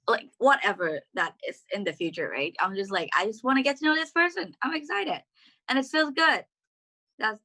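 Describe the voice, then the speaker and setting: Giggly woman with a bright voice. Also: lowish voice. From Thailand. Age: young adult. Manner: giggly, with many fillers. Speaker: podcast guest. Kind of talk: casual podcast chat.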